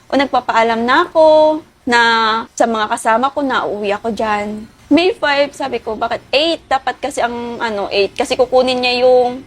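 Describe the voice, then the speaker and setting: High-voiced woman telling a painful story. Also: moderate pace. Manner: polite, addresses interviewer as ma'am. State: emotional, near tears. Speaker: interviewee. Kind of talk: tearful personal account.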